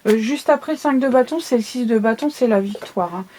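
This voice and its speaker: A woman's voice: a little high, a little fast, a little mellow. A woman with a lisp from new dental braces, giving a casual, conversational tarot reading and often checking that the listener follows. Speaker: tarot card reader.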